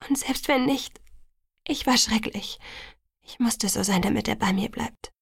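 A woman's voice: a little high, measured pace, gravelly, husky, no echo, studio quality, full character voice. A woman voicing an anxious, guilt-ridden young woman in an audiobook, defensive and self-reproaching.

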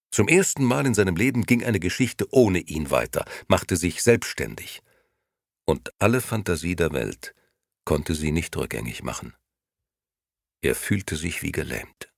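A man reading a story aloud as narrator, in a measured and expressive way. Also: low-pitched, gravelly, dry recording, clean studio sound. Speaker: audiobook narrator. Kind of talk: scripted narration.

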